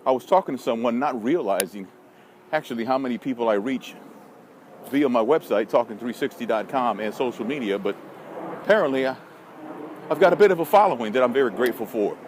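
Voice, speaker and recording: Walking through a park, this American vlogger and social media marketing consultant rambles to his listeners in a casual, blunt way full of wry, folksy asides. He talks fairly quickly at medium pitch with lively intonation. Passing vehicles and city ambience make for a noisy recording.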